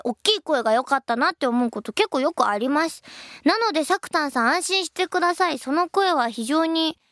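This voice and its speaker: A young woman in her twenties hosting a radio show, reading listener letters and answering them in a chatty, playful way, her voice a little husky. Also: sits high, no room sound, studio quality. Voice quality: a bit husky, by her own account. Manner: lively, chatty and playful, laughs at her own slips.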